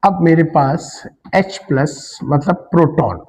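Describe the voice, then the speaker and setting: Male chemistry teacher, slow and deliberate, quizzing the class as he explains. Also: fairly high pitch, animated, a little mellow, big-room sound, low-quality recording. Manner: asks students questions and answers them himself; mixes Hindi with English terms. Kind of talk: classroom lecture.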